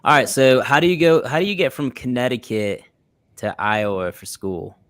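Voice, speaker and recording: A man's voice: mid-range voice, moderate pace, a bit bright, clean tone, no echo, clean studio sound. A man hosting a podcast, asking easygoing questions and cracking jokes. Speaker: podcast host. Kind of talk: casual interview.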